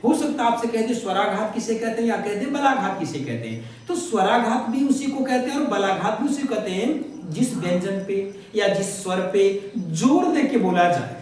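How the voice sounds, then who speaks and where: A male teacher walking through an exam paper, asking his own questions and answering them, stretching key words slowly. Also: high-pitched, big pitch swings, a little mellow, a little hiss or hum. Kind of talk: exam paper walkthrough lesson. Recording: very echoey room from far off.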